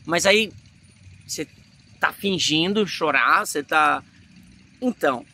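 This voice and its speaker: A man from Brazil with a Brazilian Portuguese accent, giving a casual acting lesson in an animated way and showing emotions as he talks. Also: fairly high pitch, slight background noise. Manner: animated, demonstrates emotions mid-talk. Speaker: acting teacher.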